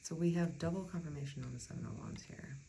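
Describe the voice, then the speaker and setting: A tarot reader talking through a card spread in a chatty, reassuring way, often dropping into soft near-whispers. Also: mid-range voice, fast talker, creaky, slight background noise, rough recording. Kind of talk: casual tarot reading.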